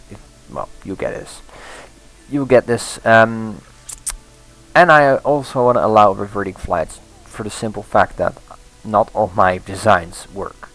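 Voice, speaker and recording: Gravelly man narrating gameplay. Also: fairly low pitch, rough recording. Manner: rambling, thinking aloud with restarts and chuckles. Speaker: let's play host. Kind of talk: casual gameplay commentary.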